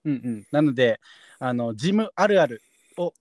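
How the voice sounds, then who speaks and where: A man hosting a relaxed podcast chat, with speech that bounces animatedly up and down. His tone is polite and playful, and he breaks into laughs often. The sound is close and dry, with no room to it. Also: medium pitch, normal speed, no room sound. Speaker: podcast host.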